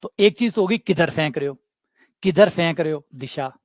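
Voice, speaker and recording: Chatty Rajasthani-accented maths teacher. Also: male voice, a little high, normal speed, darkish tone, dry recording. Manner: chatty, joking teacher slipping into local dialect. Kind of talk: online exam coaching class.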